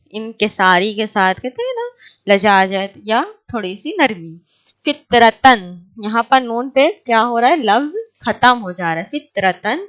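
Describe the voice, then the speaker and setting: A woman teaching an exam-prep grammar lecture, explaining step by step, asking and answering her own questions and slowly repeating example words. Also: mid-range voice, fairly bright tone.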